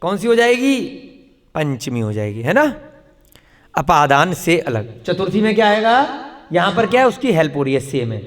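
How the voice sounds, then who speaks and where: A man's voice: fairly high pitch, sing-song, moderate pace. A man teaching a classroom lesson, quizzing his students with repeated questions and answering them himself. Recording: long hall reverb.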